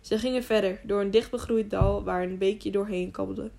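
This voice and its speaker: A woman reads a storybook aloud in a calm, steady voice. Her pitch sits right in the middle of the range for women. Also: moderate pace, gravelly. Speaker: audiobook narrator. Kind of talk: scripted narration.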